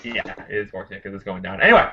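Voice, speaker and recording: A man's voice: low voice, racing, a little hiss or hum. A man co-hosting a podcast, telling stories animatedly in casual chat. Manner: animated storyteller, breaks in to make points. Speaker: podcast co-host. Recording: dull lo-fi sound.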